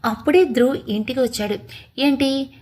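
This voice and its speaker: A woman's voice: a little high, lively intonation, a little fast, darkish tone, husky. Woman reading a story aloud. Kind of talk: read-aloud story narration.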